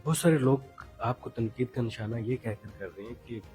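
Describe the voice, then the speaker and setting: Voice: medium pitch, warm tone, faint music behind. An interviewer asking probing, challenging questions in a political interview.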